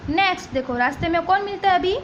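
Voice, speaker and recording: A woman teacher with a very high-pitched voice moves quickly through a textbook story, explaining it line by line. She switches between languages, repeats herself, and keeps checking with "ठीक है?". The lo-fi recording is dull, with faint noise.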